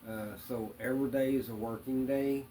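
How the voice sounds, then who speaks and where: A man answering interview questions in a hesitant, plainspoken way, with many pauses and fillers. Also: mid-range voice, steady tone, dark tone, slight background noise, rough recording. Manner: hesitant, many ums and uhs; plainspoken, religious. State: hiccups.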